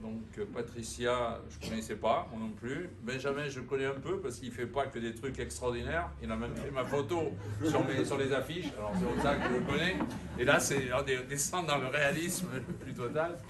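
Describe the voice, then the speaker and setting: Councillor guy rambling through a speech, lots of pauses, clear crowd-room noise behind, sounds far off. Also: medium pitch. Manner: rambling, halting, many fillers. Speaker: departmental councillor. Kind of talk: opening speech at an art exhibition. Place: exhibition room in an old town hall. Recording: echoey room, voice from afar, ambience noise.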